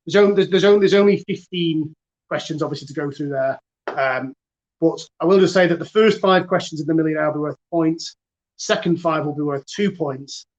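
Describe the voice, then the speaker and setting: A man's voice: fairly high pitch, lo-fi sound. A man with a Northern English accent hosting a casual online quiz, chatty and self-mocking, with lots of fillers. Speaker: quiz host.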